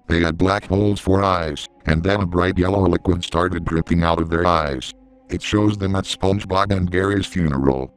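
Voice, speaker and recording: A man giving scripted horror story narration in a steady, measured way, recorded on a close mic. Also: low voice, clean tone, poor audio.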